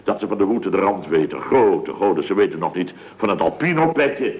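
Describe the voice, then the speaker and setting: A man playing a blustering, excitable male contractor boss in a 1960s radio comedy, with stammering and loud yelps. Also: sits low, fairly quick. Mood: rambling. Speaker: boss of a building firm. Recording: dull lo-fi old radio recording.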